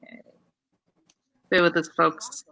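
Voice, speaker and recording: A woman's voice: slow, very noisy. A woman hosting a casual live-stream chat, upbeat and chatty as she works around tech hiccups. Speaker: host.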